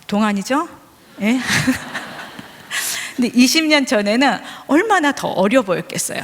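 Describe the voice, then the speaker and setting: A woman in her forties delivers a sermon, her voice fairly high and bright. She tells her stories with humor and draws the congregation in with quick questions. Everything rings out in a large hall with long reverb. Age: 40s. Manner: lively, joking with the congregation. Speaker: preacher, vice principal.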